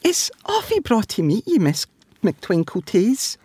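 Man doing an excited high-pitched Scottish wee piglet. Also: unhurried, breathy edge, dry recording, full character voice. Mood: cheerful, eager. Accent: broad Scottish. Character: excited young girl piglet and her friend. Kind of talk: children's storybook reading.

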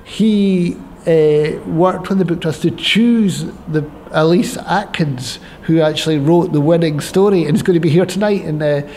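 A man's voice: fairly high pitch, normal speed, hardly any pauses, darkish tone, slight background noise. A Scottish man chatting casually as an interview guest, speaking with earnest enthusiasm. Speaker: arts organisation director, interview guest.

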